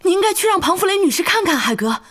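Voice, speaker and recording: Man playing an earnest schoolgirl, very high voice, lively pitch, worried, audiobook. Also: fast, exaggerated voice. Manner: anxious, earnest. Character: anxious teenage schoolgirl, earnest. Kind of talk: audiobook character voice.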